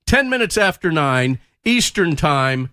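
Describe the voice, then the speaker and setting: A man's voice: on the high side, very animated, a little slow, bright, forceful tone. A man co-hosting a radio show, complaining bluntly. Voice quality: blunt, ranting, politically incorrect cowboy. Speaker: radio co-host. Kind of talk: casual radio chat. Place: radio studio.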